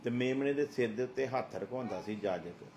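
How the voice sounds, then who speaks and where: A man's voice: mid-range voice, fairly quick, highs cut off, noisy background. A middle-aged man preaching a sermon as a pastor, emphatic and full of rhetorical questions.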